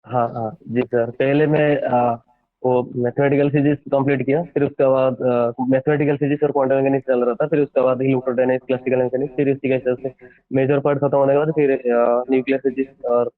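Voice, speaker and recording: A young man answering interview questions over a crackly phone line, halting, with many hesitant fillers. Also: medium pitch, level tone, no echo. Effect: crackly phone line that cuts out. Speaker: exam topper being interviewed.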